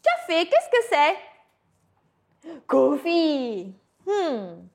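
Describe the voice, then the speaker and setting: A woman teaching a beginner lesson, pronouncing words slowly and clearly, with playful asides. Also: high-pitched, wildly swooping pitch, darkish tone. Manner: slow, exaggerated pronunciation with playful asides. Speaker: French teacher. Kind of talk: language lesson mixing French and English.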